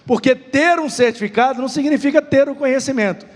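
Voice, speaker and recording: A pastor with a Brazilian accent teaching a Sunday Bible class, explaining with rhetorical questions and stories. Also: male voice, extremely high pitch, fast. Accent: Brazilian Portuguese. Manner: lively, storytelling, rhetorical questions. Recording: long hall reverb.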